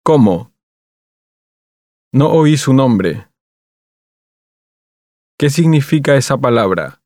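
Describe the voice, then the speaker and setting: A man reading language-course phrases one at a time, slow and deliberate, with a pause after each. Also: medium pitch, expressive, a little mellow, no echo, clean studio sound.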